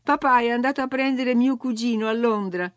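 A woman's voice: fairly high pitch, a little fast, no echo, pitched above the performer's own voice, lightly acted. A woman voicing a spoiled, imperious young girl who gives orders and grows indignant, in a storybook reading. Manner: bossy, indignant, whiny.

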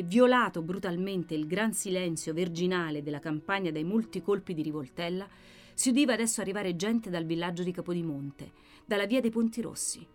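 Woman reading a story out loud, very dramatic, quiet music behind. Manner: expressive, with sharp swings in pitch and loudness. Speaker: audiobook narrator. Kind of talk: dramatic audiobook narration.

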